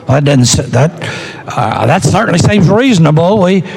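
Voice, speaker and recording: A man delivering a political floor speech as a legislator, arguing point by point in a deliberate way with rhetorical questions and repetition. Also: on the high side, expressive, vocal fry, darkish tone.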